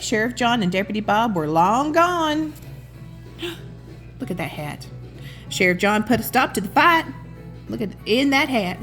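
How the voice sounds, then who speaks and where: A children's storybook reader and host reads a picture book aloud with expression while music plays in the background. Her voice sits on the high side with a fairly bright tone, and she makes warm, chatty asides to the listener, calling them sweetheart.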